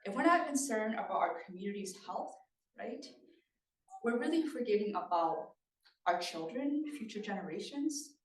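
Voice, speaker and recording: A Thai woman with a medium-pitched, expressive voice speaks at normal speed, giving a conversational community-meeting presentation. She's engaging and regularly checks in with her audience, recorded with a distant mic that sounds roomy.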